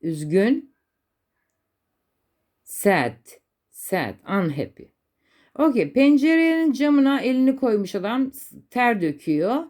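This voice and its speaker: Speaking in Turkish with a high-leaning, very animated, dark voice, a woman teaching English walks learners through basic adjectives. Her Turkish accent comes through as she stresses slow, repeated English examples.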